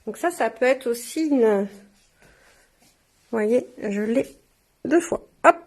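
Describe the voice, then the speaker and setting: A woman's voice: fairly high pitch, lively intonation, slow pace. A woman chatting casually to viewers as she shows off engraved glasses. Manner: chatty, warm asides to viewers. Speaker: shop presenter. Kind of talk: casual product showcase.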